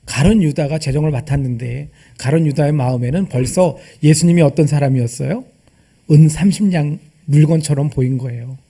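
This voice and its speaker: A man's voice: on the high side, brisk, vocal fry, dark tone, breathy edge. A male pastor preaching a sermon, asking the congregation rhetorical questions and acting out quoted dialogue. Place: church service.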